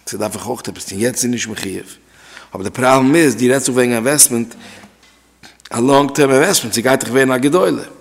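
A man with a gravelly, creaky voice gives a class on religious law. He repeats his key phrases and asks questions aloud. His voice rings out with a long reverb, as if in a hall. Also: medium pitch, brisk. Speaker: religious teacher.

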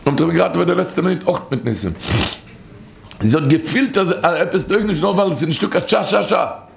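Gravelly man telling a rambling teaching story. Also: fairly high pitch, expressive, quick pace, slight background noise. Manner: rambling, repeats phrases and restarts often.

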